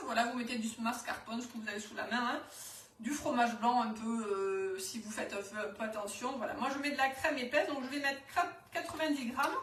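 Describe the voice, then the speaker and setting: A high-voiced woman with a southwest French accent talks through a live home-cooking demo, chatty, full of fillers and restarts. She sounds some way off from the microphone in an echoey kitchen, with faint noise behind her. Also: a bit bright, distant mic. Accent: southwest French, Toulouse area. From southwest France. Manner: chatty, hesitant, many fillers. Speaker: cookware sales consultant.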